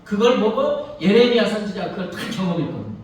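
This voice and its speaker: A man preaches to his congregation, moving between storytelling and rhetorical questions in a high, lively voice. He sits well back from the mic in a big echoing church hall, with a faint hum of room noise behind him. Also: fast. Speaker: pastor. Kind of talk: sermon. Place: church sanctuary. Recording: echoey hall, mic from far off.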